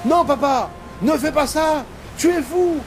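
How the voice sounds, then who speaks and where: A man voicing a young son who pleads with his father in a high, whiny voice, with music behind. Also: unhurried, a little hiss or hum. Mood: pleading.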